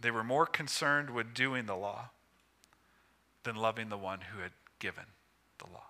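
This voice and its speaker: A man preaching a sermon with emphatic, measured phrasing broken by pauses. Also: mid-range voice, sharp tone.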